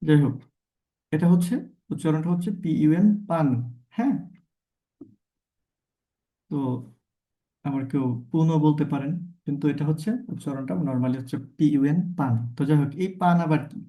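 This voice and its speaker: A Bangladeshi man lecturing to exam students, his voice pitched high yet dark and mellow in tone. He keeps checking understanding with rhetorical questions and stretches out his English example sentences slowly.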